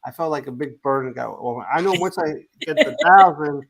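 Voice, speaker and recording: A middle-aged man from Queens, co-hosting a casual live chat, halting and restarting his sentences with many fillers. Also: fairly high pitch, vocal fry, a crowd in the background, rough recording. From Queens, New York. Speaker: co-host.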